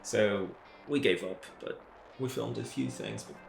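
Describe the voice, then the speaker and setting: A man co-hosting a travel vlog in casual chat, relaxed and fond of teasing. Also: fairly low pitch, unhurried, vocal fry. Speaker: travel vlogger co-host. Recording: echoey room with faint music.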